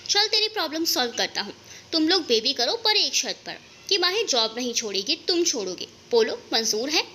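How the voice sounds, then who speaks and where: A woman's voice: high-pitched, big pitch swings, normal speed, sharp tone, slight background noise, heavily acted. A woman voicing a teasing young man. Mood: sarcastic. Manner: playful, teasing.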